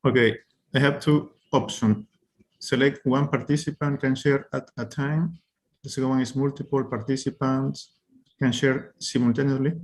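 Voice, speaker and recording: Gravelly man on a video call. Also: mid-range voice, fairly even intonation, darkish tone. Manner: halting, thinking aloud while clicking through settings. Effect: heard over a video call. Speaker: keynote speaker. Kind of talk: troubleshooting screen sharing on a video call.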